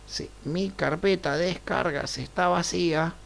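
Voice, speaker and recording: Slow, gravelly man teaching a coding class. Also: fairly high pitch, a bit bright, slight background noise. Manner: unhurried, checks in with frequent "right?" tags. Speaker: programming teacher. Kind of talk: live online class, thinking aloud over screen share.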